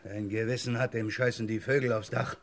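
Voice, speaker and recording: An actor playing a haunted, bitter soldier who has returned home, in feverish, mocking stage speech for a 1960s radio drama. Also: male voice, medium pitch, little pitch movement, fairly quick, lightly acted.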